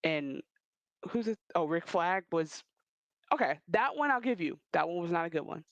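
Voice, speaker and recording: A man co-hosting a podcast, talking in a casual, animated and rambling way with quick restarts. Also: fairly high pitch, no room sound, lo-fi sound. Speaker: podcast co-host. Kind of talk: casual chat.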